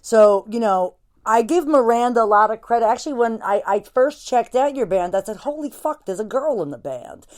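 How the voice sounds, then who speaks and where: A woman's voice: fairly high pitch, expressive, normal speed, few pauses, darkish tone, dry recording, studio quality. A woman in her forties hosting a casual interview, laughing often and swearing freely. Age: 40s. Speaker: podcast host.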